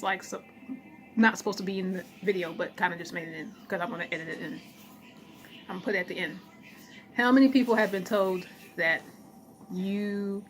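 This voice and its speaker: A woman's voice: mid-range voice, a little hiss or hum, rough recording. A woman talking casually to her camera at home, blunt and encouraging, sometimes eating between sentences. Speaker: vlogger.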